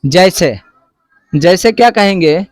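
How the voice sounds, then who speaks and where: A man's voice: sits high, expressive, slow pace, dry recording, clean studio sound, soft background music. A male teacher, giving a classroom math lesson and quizzing students with repeated questions. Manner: call-and-response questioning, repeats answers.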